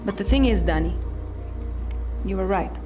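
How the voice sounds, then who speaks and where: Video game drama: young female rebel leader voiced by a woman, grave, earnest, mid pitch, strong score underneath. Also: animated, normal speed, over music, natural voice. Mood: resigned. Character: resolute, weary young female guerrilla leader.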